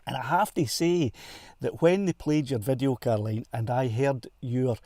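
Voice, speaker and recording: Scottish man, live-stream host, mellow warm tone, dry close sound, chatty, laughs at himself. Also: medium pitch, moderate pace, dry recording. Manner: chatty and self-deprecating, laughs often. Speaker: livestream host. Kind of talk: casual live-stream chat. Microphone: clip-on wireless mic.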